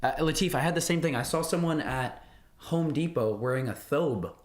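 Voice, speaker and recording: This young man runs a livestream, chatting playfully and casually with viewers as he wanders through questions and answers their messages. His voice is a little high, and he talks at a normal pace.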